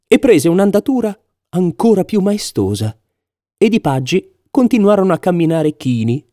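A man narrating a fairy tale in an expressive, animated reading. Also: sits high, normal speed, no room sound, studio quality. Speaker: storyteller. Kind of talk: storybook narration.

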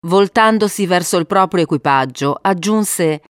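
A woman narrates an adventure storybook in a measured, expressive way. Her voice is smooth and slightly low. The recording is close and dry. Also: no room sound.

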